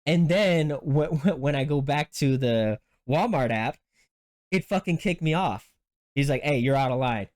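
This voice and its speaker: Taking his time, this podcast host recounts a story in relaxed chat, lively and full of profanity. He restarts frequently, and his pitch jumps abruptly when he quotes his own words.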